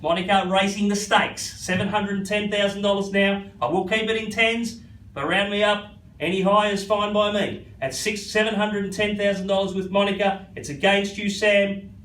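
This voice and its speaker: A man's voice: high-pitched, little pitch movement, normal speed, a bit bright. An Australian man working as a real estate auctioneer, delivering live auction patter that repeats figures and addresses bidders by first name. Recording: echoey, slightly distant, faint background noise.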